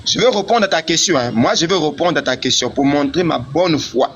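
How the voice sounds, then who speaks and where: Over a live online connection, a man argues about religion heatedly, insistent and repetitive. His voice is fairly high, fairly bright, animated and fairly quick, and Arabic isn't his first language. The call sounds muffled and lo-fi, with background noise.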